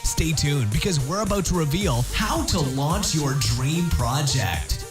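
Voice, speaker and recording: Announcer guy, slick intro read, bouncy higher voice, music pumping underneath. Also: animated, unhurried. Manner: polished announcer delivery. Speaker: show announcer. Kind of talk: scripted podcast intro.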